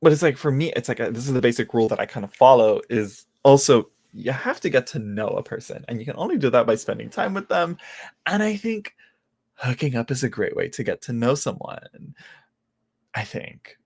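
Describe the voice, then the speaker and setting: A man's voice: mid-range voice, expressive, a little fast, gravelly, darkish tone, breathy edge. A man in his late twenties, a tarot reader chatting casually on a live stream, rambling and joking at himself with many restarts. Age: late 20s.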